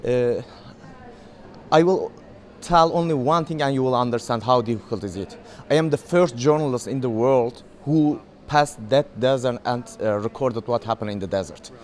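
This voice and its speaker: Turkish-accented man, hesitant and halting. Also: mid-range voice. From Turkey. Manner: hesitant non-native English, many fillers and restarts. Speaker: documentary filmmaker. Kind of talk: festival interview.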